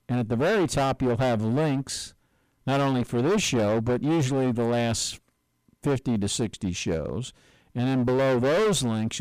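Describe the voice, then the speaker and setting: A man hosting a talk radio show, giving a measured, explanatory commentary with frequent restarts and repeated words. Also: mid-range voice, darkish tone, smooth, no room sound, low-quality recording. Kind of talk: unscripted commentary monologue.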